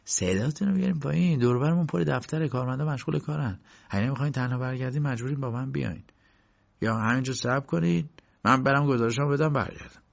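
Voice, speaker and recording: A man reading an audiobook and voicing an evasive male court attendant who talks in a soothing, quietly insistent way. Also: medium pitch, dry recording, natural voice. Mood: hushed. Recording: dull lo-fi recording.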